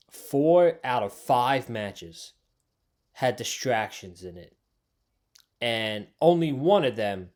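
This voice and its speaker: An American man hosting a casual, opinionated review vlog, speaking emphatically and repeating his points for stress. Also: medium pitch. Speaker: host of a wrestling review channel.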